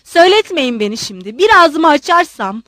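A woman's voice: very high-pitched, very animated, normal speed, dry recording, studio quality, pitched above the performer's own voice. A woman voicing a bitter young man who snaps at his father with scornful anger. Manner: sharp, scornful shouting.

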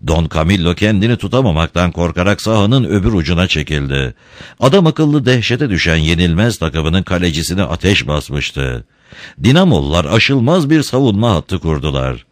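A man narrating a storybook in an expressive, dramatic way. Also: deep voice, normal speed, no echo, clean studio sound. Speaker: audiobook reader.

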